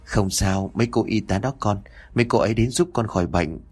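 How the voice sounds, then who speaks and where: A man's voice: lowish voice, fairly quick, darkish tone, breathy edge. A man playing a worried young father who keeps asking anxious questions, in an audio story.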